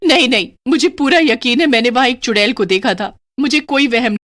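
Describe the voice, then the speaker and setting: A woman voicing a greedy, excitable young wife whose voice goes shrill. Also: normal speed, dry recording, studio quality. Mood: terrified.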